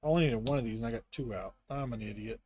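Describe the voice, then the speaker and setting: A man's voice: medium pitch, racing, a little mellow, slight background noise. A man with a Southern US accent, chatting casually and self-deprecatingly while building a brick set on a live stream. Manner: rambling, self-deprecating, wry.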